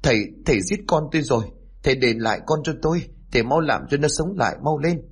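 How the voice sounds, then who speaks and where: Người đàn ông giả giọng bà mẹ gào khóc thảm thiết. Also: male voice, fast talker, slightly rough. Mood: accusing, frantic. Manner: wailing, shrill, pleading. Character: grief-crazed young village mother, screaming.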